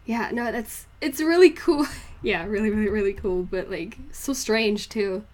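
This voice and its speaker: Her mid-range voice is a little mellow and measured as this young art livestreamer chats ramblingly and giggles with viewers in an informal manner. Born in northeast England and moved to New Zealand as a child, she speaks with a blended accent of the two.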